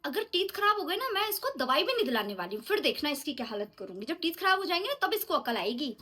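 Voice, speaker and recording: A woman's voice: high-pitched, sing-song, fast, bright, forceful tone, slight background noise. A woman playing the mother in a scripted family vlog skit, scolding and lecturing her child while talking to the viewers. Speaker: mother and vlogger.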